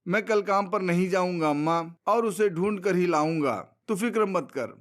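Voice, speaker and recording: A man's voice: high-pitched, moderate pace, lightly acted. A man voicing a young son who earnestly reassures his worried mother in a short story reading. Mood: reassuring.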